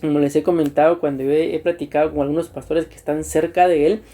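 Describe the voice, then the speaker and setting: Mellow pastor teaching deacons. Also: male voice, a little high, little pitch movement. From Costa Rica. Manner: earnest and unhurried, repeats himself, often clears his throat. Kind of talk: church teaching to new deacons.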